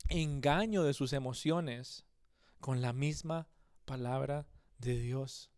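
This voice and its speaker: A male pastor delivering an earnest sermon to his congregation, addressing them directly and fixing his words mid-phrase. His voice is smooth and resonant and sits a little on the high side. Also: a little mellow. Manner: earnest, addresses listeners directly, frequent self-corrections.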